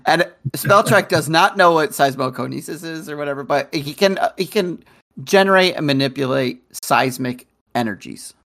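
A man's voice: a little high, moderate pace, gravelly, fairly bright tone. A man co-hosting a podcast in casual chat, dryly reading out card details. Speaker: podcast co-host.

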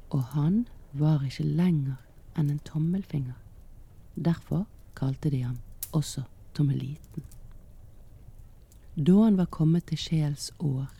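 Soft, gravelly man telling a slow, whispered bedtime tale. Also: on the high side. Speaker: storyteller. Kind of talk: slow whispered storytelling for relaxation.

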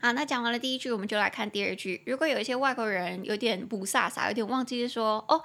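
A woman in her twenties with a Taiwanese Mandarin accent, hosting a casual podcast English lesson and slowly repeating words as she explains them. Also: on the high side, gravelly, fairly bright tone. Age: 20s. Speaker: English teacher podcast host.

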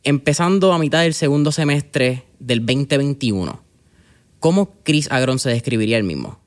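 A mid-pitched man hosts a podcast interview. He sounds upbeat and slangy and slips English phrases into his questions. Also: animated, normal speed. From Puerto Rico. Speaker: podcast host. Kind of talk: hosting an interview.

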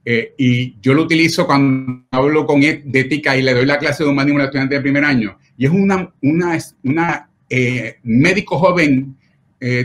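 A middle-aged man with a slightly raised pitch, speaking as a pediatric doctor in an interview. He tells his stories earnestly and with visible feeling, often checking in with short tag questions. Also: fairly bright tone. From Puerto Rico. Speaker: pediatric nephrologist. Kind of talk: personal storytelling in an interview.

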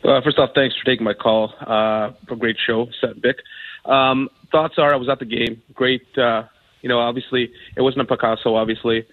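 Fast-talking man on a tinny phone line. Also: mid-range voice, steady tone, no room sound. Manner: chatty, many ums and uhs. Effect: over the phone. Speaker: caller. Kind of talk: casual call-in chat.

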